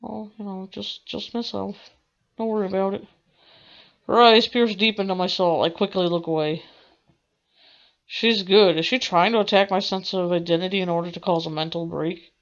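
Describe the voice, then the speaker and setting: A woman game streamer reads visual novel narration aloud theatrically, her medium-pitched voice fairly even in intonation and normal in pace. The audio is dull, with faint music in the background.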